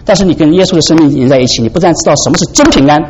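A man preaching a sermon in an animated way, often asking his listeners "right?". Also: on the high side, racing, breathy edge. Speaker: pastor. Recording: dull lo-fi recording with faint background noise.

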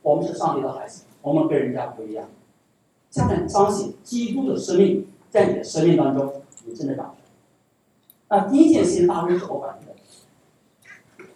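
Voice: mid-range voice, very animated, moderate pace, long pauses, dark tone. A pastor preaching a sermon, repeating phrases and putting rhetorical questions to the congregation. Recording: echoey hall, voice from far off.

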